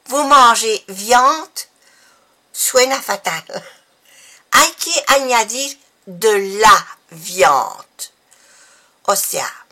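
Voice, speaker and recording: An older woman teaching with patient explanations, repeating example phrases slowly. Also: fairly high pitch, creaky, sharp tone. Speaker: language teacher.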